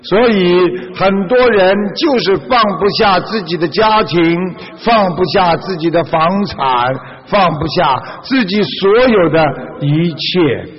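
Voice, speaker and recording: A man giving a Buddhist sermon, telling a parable and exhorting listeners slowly and earnestly. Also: high-pitched, lively intonation. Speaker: Buddhist preacher. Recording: dull reverberant lo-fi recording.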